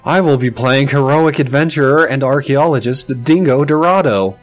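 Man, average pitch, playful, sweary, casual tabletop role-play, faint music. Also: normal speed.

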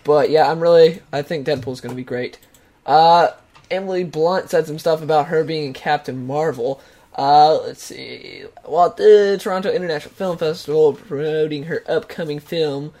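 A man's voice: fairly high pitch, normal speed, mellow. A man co-hosting a casual podcast, sharing opinions and reading news items aloud. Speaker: podcast co-host. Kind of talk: casual chat.

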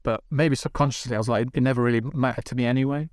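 A man, a TV director, telling animated casual stories on a podcast, swearing and acting out what people said. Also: medium pitch, rapid-fire, dry recording. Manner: animated, swearing, acts out dialogue. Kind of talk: casual storytelling. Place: podcast studio.

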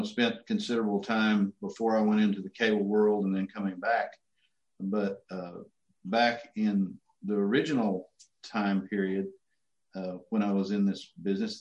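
A middle-aged man answering interview questions as a city manager, in a halting, folksy, casual way. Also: on the low side, darkish tone. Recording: muffled, echoey room sound.

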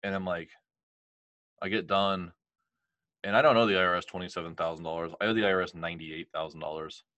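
A man telling a personal story in a casual chat, animated, quoting people and using lots of fillers. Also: sits low, quick pace, dry recording. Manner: animated, quotes others, many fillers like "like" and "you know". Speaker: guest telling his story.

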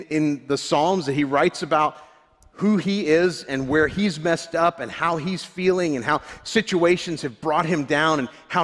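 A male pastor giving a sermon, candid and self-deprecating, often restarting his sentences. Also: a little high. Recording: long hall reverb.

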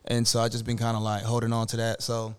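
A young man hosting a casual podcast in an easygoing, upbeat way. His voice sits at an ordinary middle pitch, and he laughs easily between thoughts. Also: completely flat delivery, fast, smooth. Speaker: podcast co-host. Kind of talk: casual chat.

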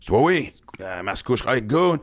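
A man's voice: medium pitch, sing-song, moderate pace. A man with a Québécois French accent hosting a casual chat, joking around. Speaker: podcast host.

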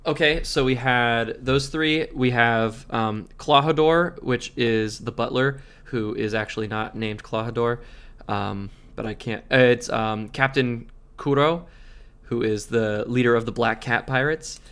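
A man of middle pitch co-hosts a podcast in casual chat. He sounds relaxed as he asks short questions and fills pauses with soft "um"s, steering the conversation forward. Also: clear, resonant tone. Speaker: podcast co-host asking questions.

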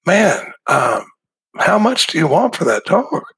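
An older man in his sixties playing an amazed male passer-by in a told joke, with a husky, gravelly voice. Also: a little high, very animated, unhurried, a bit bright, exaggerated voice. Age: 60s.

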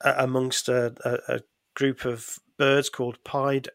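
A man's voice: mid-range voice, flat delivery, unhurried, gravelly, a bit bright, no echo, studio quality. A middle-aged man hosting a podcast in casual chat, talking hesitantly with many ums and restarts. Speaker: podcast host.

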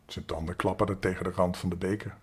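A man's voice: deep voice, fast talker, slightly rough. Older man telling children a story. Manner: gentle, expressive, addresses children directly.

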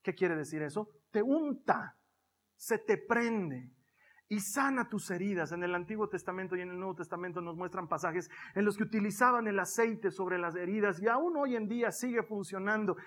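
High, husky-voiced male preacher. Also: normal speed. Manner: animated, acts out his own prayers and dialogue. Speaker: pastor. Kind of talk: sermon.

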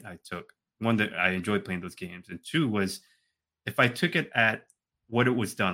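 A man co-hosts a casual podcast with a fairly low but bright, forward voice. He speaks emphatically, circling back to repeat phrases and checking in as he goes.

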